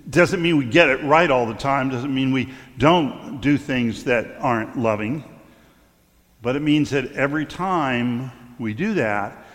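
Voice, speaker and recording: A middle-aged man delivers a sermon in a loose, storytelling way. He stumbles and restarts now and then, his voice at an ordinary pitch. The sound carries a long reverb, as in a large church hall. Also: a little slow, a bit bright. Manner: conversational storytelling with stumbles and fillers. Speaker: clergyman.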